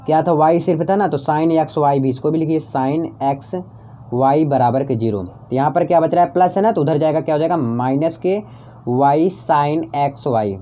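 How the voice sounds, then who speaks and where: A man with a warm, fairly high voice and a moderate pace delivers a chalk-and-talk maths tutorial. Coaxing his students along, he goes back over every step to drive it home and answers the rhetorical questions he poses.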